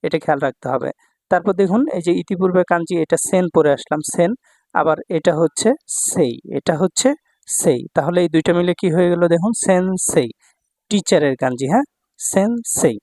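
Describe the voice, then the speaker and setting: A man's voice: high-pitched, quick pace, a little mellow, no echo, studio quality. A male Japanese language teacher explaining kanji patiently, repeating words and often checking that students follow. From Bangladesh.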